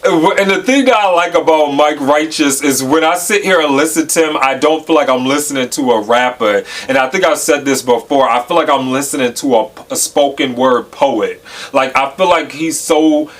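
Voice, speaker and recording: A man hosting a reaction video, talking casually with lots of fillers and hyped shouts. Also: a little high, moderate pace.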